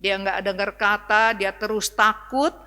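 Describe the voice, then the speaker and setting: A woman's voice: medium pitch, fairly even intonation, measured pace, sharp tone. A woman pastor preaching a sermon in a conversational way, often turning to address the congregation directly. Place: church hall. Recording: reverberant church hall.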